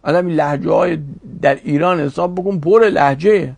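A man's voice: fairly high pitch, creaky, a little mellow, breathy edge, dry recording. A man teaching a religious studies class, reasoning aloud and posing rhetorical questions to his students.

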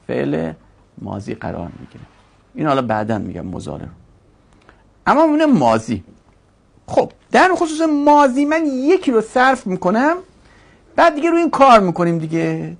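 A man teaching a grammar lesson to a class, drawing out each word form slowly and asking questions he then answers himself. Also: medium pitch, gravelly, husky. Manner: drills word forms slowly, stretching each syllable.

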